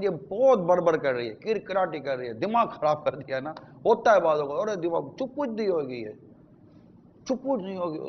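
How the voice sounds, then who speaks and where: A man's voice: fairly high pitch, muffled recording, slight background noise. A man giving a conversational sermon on marriage as an Islamic preacher, speaking straight to his viewers.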